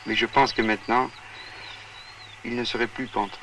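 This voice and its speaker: A man's voice: mid-range voice, flat delivery, moderate pace, pushed and bright, slight background noise. A man in his twenties answering interview questions earnestly, with hesitant restarts. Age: 20s. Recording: distant 1960s outdoor film sound.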